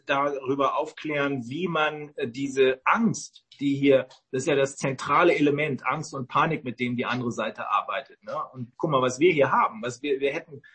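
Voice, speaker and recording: A man in casual online talk, rambling and halting with many fillers. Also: medium pitch, fairly bright tone, husky.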